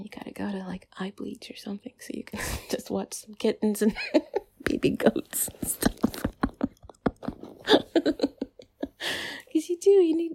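Whispering, giggly woman, husky and low-key. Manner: soft whispering with frequent giggles and sighs. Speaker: ASMR creator. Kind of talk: whispered ASMR chat.

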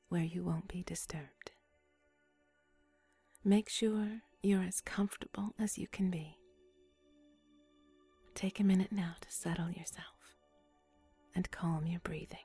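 A woman whispering a slow, soothing guided relaxation script in a breathy, hushed voice. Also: fairly low pitch.

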